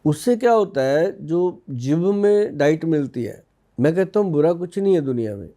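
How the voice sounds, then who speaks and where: Man, from India, 50s, ayurvedic expert, casual interview, folksy anecdotes, fairly high pitch, mellow dark tone. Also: lively intonation, moderate pace. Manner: folksy, storytelling, explains with anecdotes.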